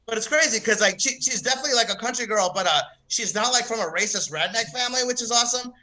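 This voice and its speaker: Guy from the south doing a standup set, high bright voice, laughs a lot, swears. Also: low-quality recording. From American South. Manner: rapid, laughing, swearing storyteller. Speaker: stand-up comic.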